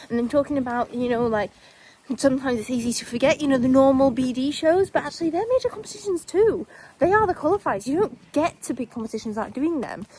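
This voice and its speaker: A woman's voice: high voice, darkish tone, a little hiss or hum. A young woman, chatting casually as a vlogger at horse stables, upbeat and rambling with fillers. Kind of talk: casual vlog narration.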